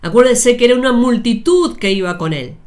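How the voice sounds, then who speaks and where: A woman preaching a sermon, speaking deliberately with repeated phrases and addressing her listeners directly. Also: fairly high pitch, animated, a little mellow.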